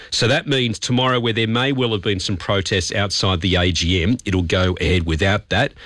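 An Australian man presents talkback radio. His voice is on the low side and recorded very dry. He delivers commentary and news assertively. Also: fairly bright tone, dry recording.

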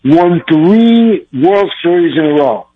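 A man's voice: on the high side, expressive, slow pace, slightly rough. A man calling into a talk show, speaking earnestly and simply, his audio overmodulated and distorting. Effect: overmodulated, clipping distorted phone audio. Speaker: regular caller. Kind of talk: casual call-in chat. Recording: distorted phone line.

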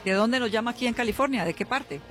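A woman hosts a live radio call-in as a spiritual healer, offering psychic consultations and promotion while speaking to callers in a familiar, consoling way. Her voice is on the high side and quick. A music bed plays behind her.

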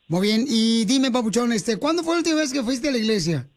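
A radio host with a high voice runs a playful call-in segment. He teases his callers warmly and keeps cracking jokes. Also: animated, a little fast. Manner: teasing, affectionate nicknames, jokey.

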